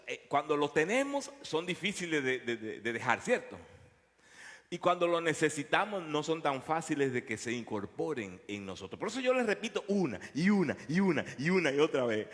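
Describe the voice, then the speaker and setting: Pastor, storytelling sermon, lively pitch, reverberant church hall. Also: male voice. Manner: storytelling, animated, repeats words.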